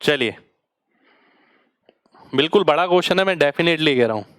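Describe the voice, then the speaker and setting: A man's voice: on the high side, animated, moderate pace, fairly bright tone, clean tone, no room sound, clean studio sound. A man teaching a maths exam-prep class, explaining each step patiently in with terms and often asking students whether they understood. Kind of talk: online exam-prep lecture.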